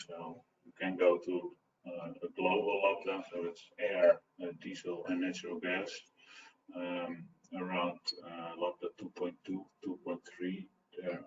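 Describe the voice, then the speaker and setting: A man's voice: deep voice, noisy background. A man presenting at an online technical talk, answering a question by thinking aloud and searching for words over a video call. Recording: roomy, distant, muffled call audio.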